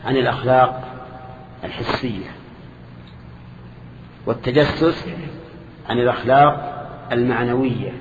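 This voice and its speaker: An older man explains a text slowly to a circle of students. He sounds roomy, with a long hall reverb. The recording is dull, old-tape lo-fi, with a light hiss behind him. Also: mid-range voice. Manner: measured explanations with questions to the class. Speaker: sheikh teaching a hadith lesson. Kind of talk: classical lesson commentary with students.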